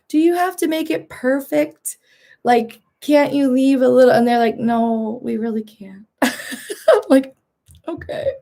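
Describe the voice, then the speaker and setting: Fairly high-pitched and a little mellow, a thirty-something woman vlogs casually to camera, speaking frankly and chattily. Frequent laughter punctuates her talk, and she quotes others by lifting her voice to play them.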